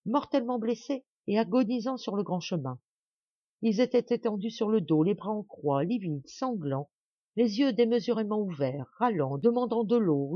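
A woman's voice: medium pitch, breathy edge, dry recording, muffled recording. A woman narrating an audiobook of a classic novel with dramatic, varied intonation.

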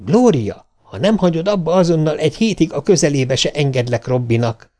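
A man's voice: fairly high pitch, animated, warm tone, voice pushed up, lightly acted. A man doing a stern, scolding mother. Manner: curt and scolding. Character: stern, cold mother, strict and unkind.

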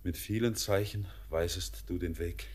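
In a classic radio drama, a male actor plays a haunted, yearning young stranger, declaiming poetic lines in a solemn, intense, husky voice. His voice sits low and a little mellow at normal speed. The mood is one of dark foreboding.

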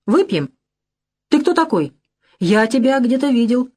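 A woman voicing a drunken, unshaven older father who talks in a hoarse, angry bass with slurred bluster. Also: sing-song, measured pace, darkish tone.

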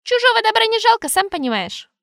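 A woman voicing a calm, knowing male adviser who explains things matter-of-factly. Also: very high-pitched, fast talker, gravelly, no echo, clean studio sound, voice pushed up, heavily acted. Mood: explaining.

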